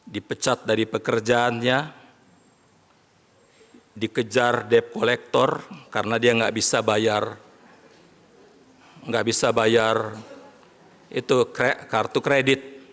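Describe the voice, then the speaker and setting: A man preaching a sermon as pastor, animated, often rising to shouts as he addresses the congregation. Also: mid-range voice. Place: large worship hall. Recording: long hall reverb.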